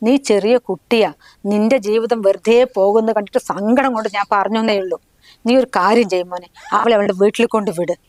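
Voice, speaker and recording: A woman's voice: mid-range voice, fairly even intonation, fairly quick, close to an everyday voice. A middle-aged woman playing a nagging mother-in-law who scolds harshly in a family short film. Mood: scolding.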